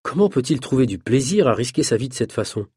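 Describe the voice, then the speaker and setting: A man voicing a worried young woman in a storybook reading, low and uneasy, with a husky voice. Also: very animated, fast, warm tone, dry recording, clean studio sound. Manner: whispered, uneasy.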